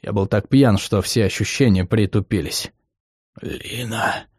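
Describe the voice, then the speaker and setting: A man narrating a first-person novel with a dramatic, intense delivery. His voice sits low in pitch. The sound is close and completely dry. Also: normal speed, darkish tone, no room sound. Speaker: audiobook narrator.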